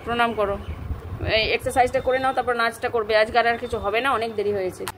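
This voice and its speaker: A Bengali-accented mother in her thirties talks her way through a home kitchen vlog. She rambles easily and coaxes her child along. A little steady hiss sits under the phone recording. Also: fairly high pitch, very fast. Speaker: vlogger, mother. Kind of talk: casual home vlog chat.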